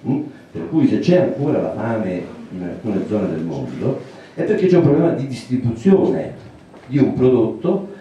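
A man in his sixties giving a public talk in a small meeting room, speaking thoughtfully with many pauses, fillers and restarts. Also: mid-range voice, mellow, slight background noise. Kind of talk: public lecture. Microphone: handheld mic, recorded by a far camera. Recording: roomy echo from a distant camera.

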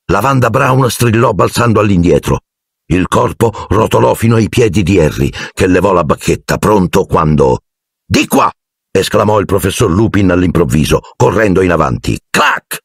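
A man narrating an audiobook dramatically, with an animated delivery and voicing each character. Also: low-pitched, slightly rough, dry recording, studio quality.

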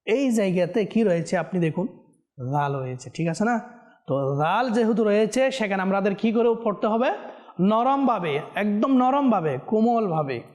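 Earnest high-voiced man teaching recitation. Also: big pitch swings, a little mellow. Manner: drawn-out melodic recitation between quick explanations; earnest, repeats corrections to viewers. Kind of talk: televised recitation lesson.

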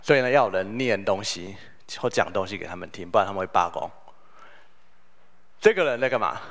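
Man, 40s, low-set voice; self-deprecating keynote storyteller. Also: expressive, a little fast, fairly bright tone. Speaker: keynote speaker. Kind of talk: conference keynote talk. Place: conference hall.

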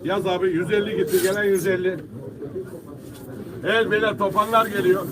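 High-voiced male auctioneer in a loud crowd. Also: steady tone, brisk. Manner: repetitive sales calls addressed to the gathered buyers. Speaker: fish auctioneer. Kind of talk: live auctioneer calling prices and selling lots to bidders. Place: busy fish market auction. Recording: distant mic amid loud market crowd. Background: loud crowd of buyers.

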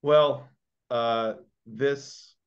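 A man's voice: medium pitch, fairly even intonation, very slow, clean tone, muffled recording. A man hosting a live online class, joking and self-deprecating as he rambles through the welcome. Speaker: livestream host. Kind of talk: casual live-stream hosting.

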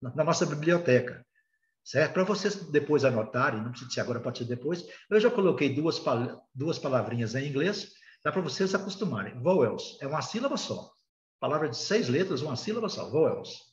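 A man's voice: fairly high pitch, expressive, a little fast, roomy sound, muffled recording. A Brazilian man with a Brazilian Portuguese accent teaching a recorded beginner lesson, explaining patiently and hesitantly with many filler sounds. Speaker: English teacher.

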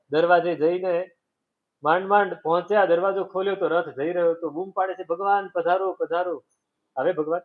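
Male preacher, high-pitched, animated storyteller doing voices, tinny lo-fi audio. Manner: acts out voices and sounds in a story. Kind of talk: devotional sermon with storytelling. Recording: tinny phone-like sound.

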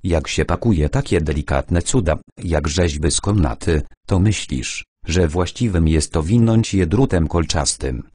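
An excitable young man, read by a man who blusters impatiently. His voice is deep and dry. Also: measured pace, hardly any pauses, breathy edge, no room sound. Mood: exasperated. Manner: exasperated, blustering.

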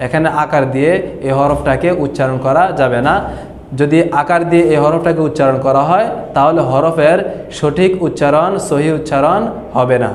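A man teaching Quran reading letter by letter, explaining patiently and slowly drawing out each sound. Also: a little high, slight background noise. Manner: slow, repetitive explanation, drawn-out letter sounds. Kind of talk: online recitation lesson. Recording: echoey room with long reverb.

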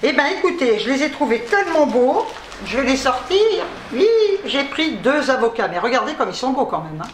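A woman vlogger chats casually about her grocery haul, joking and laughing often between filler words. Her voice is high-pitched and animated, a little fast. The room is echoey, with faint noise.

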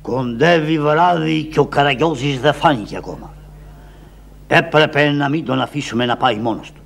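A man's voice: fairly high pitch, gravelly. Man playing a solemn heroic captain. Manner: solemn, declaiming orders. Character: Odysseus, grown male hero and commanding captain. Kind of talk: traditional shadow-puppet theatre voice.

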